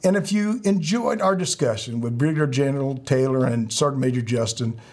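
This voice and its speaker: A middle-aged male podcast host and veteran with a husky voice, speaking earnestly and haltingly as he exhorts his listeners in a sign-off. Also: medium pitch, a little mellow. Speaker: military veteran.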